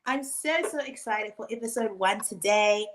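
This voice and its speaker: A woman in her twenties with a New Zealand accent, co-hosting a live podcast in a bubbly, excited way. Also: mid-range voice, moderate pace. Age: 20s. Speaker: podcast co-host.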